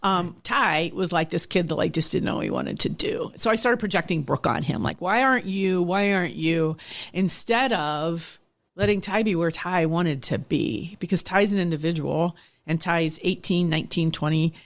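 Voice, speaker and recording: A woman's voice: fairly low pitch, lively intonation, normal speed, creaky. A middle-aged woman, a nonprofit director, telling personal stories in a candid, reflective interview. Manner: reflective, candid storytelling with frequent restarts. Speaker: nonprofit executive director, podcast guest. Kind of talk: conversational interview.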